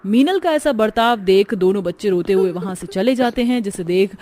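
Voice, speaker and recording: A woman giving steady, scripted narration for a cartoon story. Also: mid-range voice, moderate pace.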